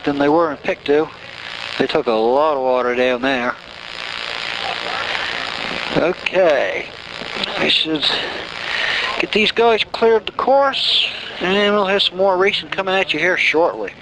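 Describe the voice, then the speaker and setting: A high-voiced man works as a race announcer in the folksy style of a tractor pull caller. He stretches out his calls between plain running updates. The recording is made outdoors, with very loud engine noise around him. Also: animated, takes it slowly, pauses often. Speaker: race announcer calling boat races. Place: outdoors beside a boat race course.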